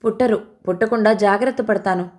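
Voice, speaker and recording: A woman's voice: mid-range voice, quick pace, darkish tone, lightly acted. A woman narrator voicing a grieving, volatile young husband in a storybook reading, speaking urgently and commandingly. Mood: harsh.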